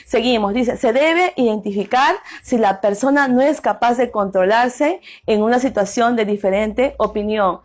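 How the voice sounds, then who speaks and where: A woman's voice: on the high side, normal speed, hardly any pauses. A middle-aged woman leads a group workshop, often asking the audience questions and answering them herself with tag questions. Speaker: workshop speaker on domestic violence. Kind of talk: interactive talk to a group.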